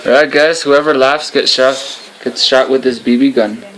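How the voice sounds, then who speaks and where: A man's voice: medium pitch, steady tone, moderate pace, a bit bright. A young man hosting a casual reaction video, talking into a tablet in a room at home. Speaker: vlog host. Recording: noisy, clicky home recording.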